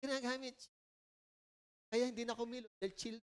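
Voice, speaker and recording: A woman with a Filipino accent preaching a sermon at a church service in a conversational, animated way, often checking in with the listeners. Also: on the high side, fairly quick. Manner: conversational, animated storytelling, frequent "po" and "no?".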